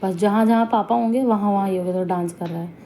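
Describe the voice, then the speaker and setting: A woman's voice: medium pitch, fast, warm tone. Chatty woman vlogging over noise. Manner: chatty, homely storytelling. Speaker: family vlogger. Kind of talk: casual vlog narration.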